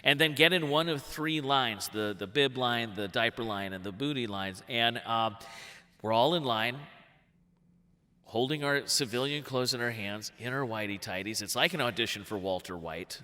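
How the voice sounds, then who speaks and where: Bright-voiced man in his forties telling a comic story. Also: mid-range voice, normal speed. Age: 40s. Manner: animated, jumps into big voices for quotes. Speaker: workshop storyteller. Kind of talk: live comic personal storytelling. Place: stage in a theatre hall. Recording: long hall reverb.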